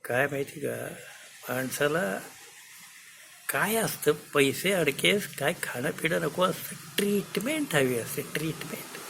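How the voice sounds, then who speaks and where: Animated man retelling a story. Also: on the high side, slow, gravelly, slight background noise. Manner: animated, conversational, acts out the parts. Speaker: storyteller, speaker. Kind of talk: lively spoken retelling of a play.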